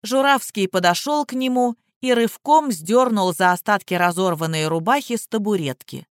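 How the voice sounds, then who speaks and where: A reader narrating a crime story in steady, even storytelling. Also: mid-range voice, moderate pace, dry recording, clean studio sound. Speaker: audiobook narrator. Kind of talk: scripted narration.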